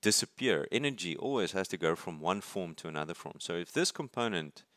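Male engineering lecturer, very low voice, dry close sound, talking through sketches with frequent restarts and "right?" check-ins. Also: lively intonation, brisk, a bit bright, dry recording. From South Africa. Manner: thinks aloud, restarts words, asks "right?". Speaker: university lecturer. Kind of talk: explaining while drawing circuits. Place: at a desk, filming paper from above.

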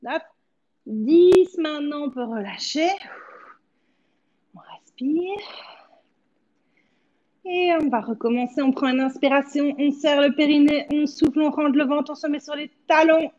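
In a living-room home studio, a woman in her thirties coaches a home workout, offering short words of encouragement and counting reps as she exercises. Her voice is high and slightly mellow, moving at a measured pace with long pauses, and the audio sounds dull.

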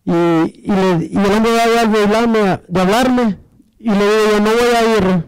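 At a church service, a male church member gives his testimony in a high voice, going a little slowly with a clean tone. He tells it as a story, acting out the dialogue and putting rhetorical questions to the congregation. The recording is rough, though there's no room sound.

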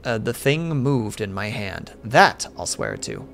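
A man's voice: lowish voice, huge pitch swings, measured pace, creaky, a bit bright, soft background music, voice pushed down, heavily acted. A man reading aloud and voicing a stubborn elderly father who speaks plainly and insistently.

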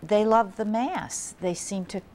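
A woman's voice: mid-range voice, a little slow, a little mellow. A woman speaking earnestly in an unscripted interview, repeating phrases for emphasis. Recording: noticeable background ambient noise.

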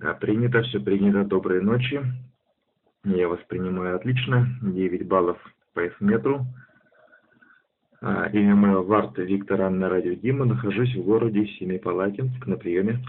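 Deep husky man on narrowband radio. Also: fairly even intonation, normal speed, heavy background noise. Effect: radio transmission. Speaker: amateur radio operator. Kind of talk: amateur radio contact with call signs. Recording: narrowband, muffled radio sound.

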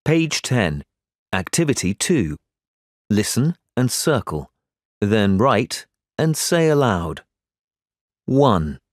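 Slow man reading lesson cues. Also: fairly low pitch, very animated, dry recording, clean studio sound. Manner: slow, clear, measured reading. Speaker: textbook audio narrator. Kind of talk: announcing page and activity numbers.

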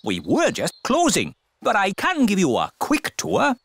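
A man's voice: high-pitched, wildly swooping pitch, measured pace, gravelly, a bit bright, no room sound, heavily acted. A British man voicing an offhand cartoon rabbit who gives museum tours in a casual patter. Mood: offhand touring. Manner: offhand, dismissive tour-guide patter.

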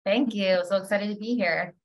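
At normal speed and medium pitch, the Trinidad-born Canadian woman in her thirties keeps things relaxed as a podcast guest. Speaking indoors over a video call with a Canadian accent, she recounts personal stories and peppers her chat with "like."

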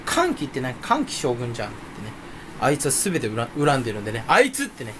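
A young man rambling in a casual solo chat from his room at home, self-mocking and jumping between topics with sudden loud bursts. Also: mid-range voice, wildly swooping pitch, quick pace, background noise. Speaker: streamer chatting solo.

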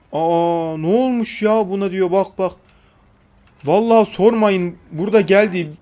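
Young guy doing chatty game commentary, slightly high voice, jokes and mild swearing. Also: a little mellow. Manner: chatty, jokey, swears casually, talks to game characters. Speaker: gaming YouTuber. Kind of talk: casual gameplay commentary.

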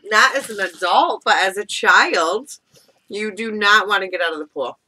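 A woman's voice: mid-range voice, moderate pace, pushed and bright. A woman chatting casually and offhand as a teasing co-host on a home vlog. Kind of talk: casual chat. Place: small indoor room at home. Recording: clearly noisy home camera audio.

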